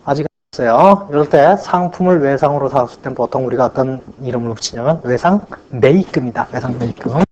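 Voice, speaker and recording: A man's voice: mid-range voice, darkish tone, a little hiss or hum. A man teaching an accounting class, asking the class questions and answering them himself, stretching out the key points. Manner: drawn-out stress on key points. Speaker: accounting lecturer. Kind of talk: classroom lecture. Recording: dull lo-fi lecture recording.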